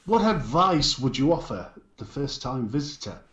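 A man's voice: medium pitch, sing-song, normal speed, fairly bright tone, roomy sound, dull audio. A man, co-hosting a casual podcast chat with a dry, teasing manner. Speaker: co-host.

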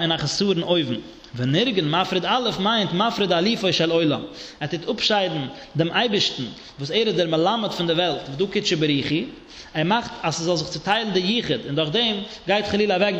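Male rabbi, high bright chant-style Talmud lecture, roomy lo-fi hall recording. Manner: singsong study chant, mixing Hebrew and Aramaic terms. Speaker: rabbi teaching a Talmud class. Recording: echoey dull lo-fi hall recording.

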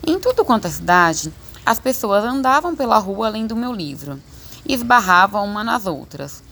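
A woman reading a children's book aloud as an audiobook narrator, expressive and lively. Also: medium pitch, normal speed, vocal fry. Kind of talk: storybook reading.

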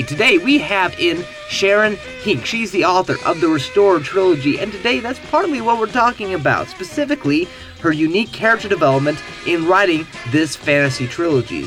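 Laughing, animated young male podcast host. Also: high voice. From Texas. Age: young adult. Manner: animated, self-deprecating, laughs often. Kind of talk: casual podcast chat.

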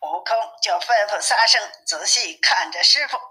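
A woman reading a classic tale aloud with plain, steady narration. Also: medium pitch, normal speed, low-quality recording. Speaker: storyteller. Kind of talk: storybook reading.

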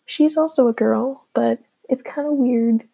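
A teenage girl with a fairly high, husky voice rambles informally as a new podcast host. She sounds mellow and hesitant, leaning on filler words. The sound is a low-quality stream from an earbud microphone. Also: unhurried. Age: teenager, fifteen. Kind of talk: casual rambling solo podcast chat.

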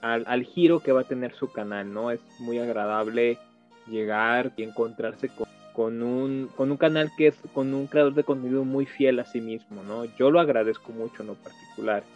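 A man chats as a podcast guest, animated and full of stops and restarts as he tells his stories. His voice sits at an ordinary pitch for a man, and the sound is dull and lo-fi, with faint music behind. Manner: animated storyteller, halting restarts. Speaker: podcast guest, video creator. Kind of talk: casual podcast chat.

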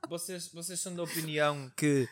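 A man's voice: a little high, steady tone, fairly quick, a loud crowd. A young man with a European Portuguese accent, hosting a podcast and introducing topics in informal, teasing chat. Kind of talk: casual chat.

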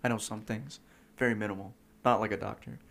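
A man's voice: fairly low pitch, steady tone, fast talker, vocal fry, a bit bright. A young man co-hosting a casual podcast, rambling through his stories with lots of fillers and laughing as he tells them. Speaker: podcast co-host.

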